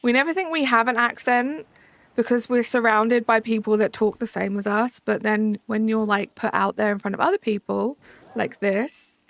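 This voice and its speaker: A young woman from Southern England, speaking with that accent, chats casually on a live stream, reading comments and answering viewers with fillers like "um" and "like." Her voice sits on the high side with a steady tone, moderate pace and creakiness, in a dry recording.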